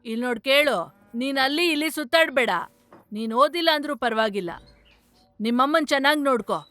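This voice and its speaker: A woman's voice: sits high, fairly quick, bright, forceful tone. An actress playing a blunt, scolding village woman in a film drama. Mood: advising.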